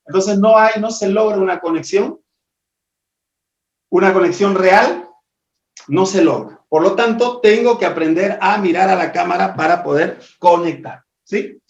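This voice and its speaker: High-voiced man teaching in an echoey room. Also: a little slow. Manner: didactic, asks rhetorical questions. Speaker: presentation skills trainer. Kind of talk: live webinar lesson. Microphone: video call. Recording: echoey, distant, dull audio.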